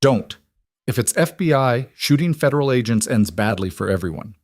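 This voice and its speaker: A man's voice: mid-range voice, lively intonation, normal speed, a little mellow, no room sound, clean studio sound, voice pushed up. A man voicing a cold, commanding male mafia boss in an audiobook, speaking in a controlled way.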